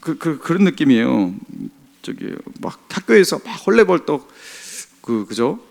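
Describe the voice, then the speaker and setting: A man preaching in church, his pitch rising and falling in wide swings as he questions the congregation. He sits a little higher than most men. He reads scripture and acts out small scenes between the verses. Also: big pitch swings, moderate pace, gravelly, darkish tone. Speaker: pastor. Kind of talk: sermon.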